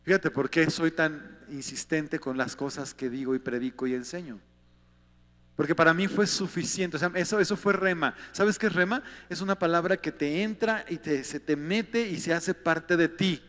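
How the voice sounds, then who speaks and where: A man's voice: on the high side, moderate pace, fairly bright tone, long reverb tail. A man with a Mexican accent preaching a sermon as a pastor, talking conversationally and often asking his listeners rhetorical questions.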